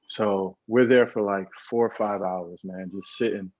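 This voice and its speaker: A man's voice: on the low side, fairly even intonation, unhurried, darkish tone, no room sound. A young American man in his twenties, a football player being interviewed, telling his story in an earnest, reflective way, often saying "bro" and "man". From United States. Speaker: guest, pro football player. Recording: dull, lo-fi dry sound.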